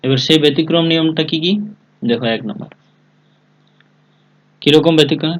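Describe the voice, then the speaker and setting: In a rough recording, a man with a fairly high, steady voice speaks at normal speed while leading a live online English lesson. He names individual students, spells out words letter by letter, and frequently asks whether everyone understands.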